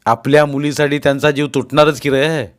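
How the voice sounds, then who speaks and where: A male narrator playing an older father who scolds and lectures the family in a loud, commanding voice. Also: fairly high pitch, steady tone, brisk, voice pushed up, lightly acted. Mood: stern.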